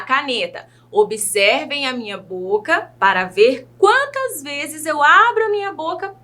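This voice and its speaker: Woman teacher from Brazil, children's lesson; high, lively pitch, very slow, patient delivery. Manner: slow, exaggerated enunciation of words; patient, asks questions to young learners.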